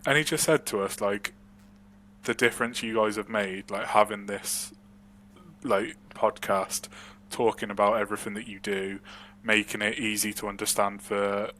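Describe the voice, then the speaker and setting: A man's voice: fairly low pitch, fairly even intonation, normal speed, sharp tone, a little hiss or hum. A young man co-hosting a casual podcast, talking candidly and rambling, often laughing. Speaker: podcast co-host.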